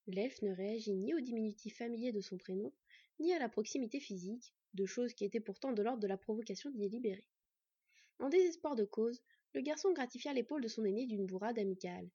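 A woman reading a fantasy story aloud in a steady storytelling manner. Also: fairly high pitch, brisk, breathy edge, no room sound. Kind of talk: scripted fantasy narration. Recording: dull lo-fi, dry.

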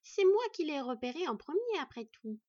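A woman's voice: high-pitched, very animated, normal speed, darkish tone, no room sound, lo-fi sound, pitched above the performer's own voice. A woman voicing a greedy female giant spider who hisses and whines for her share in a storybook reading. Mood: whiny. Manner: hissing, whiny, insistent.

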